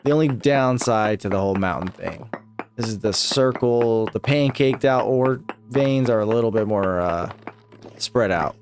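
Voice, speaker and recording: Noise fills the background as a young man, unhurried and low-voiced, plays a video game on a live stream. His chat is easygoing, full of laughter and frequent swearing.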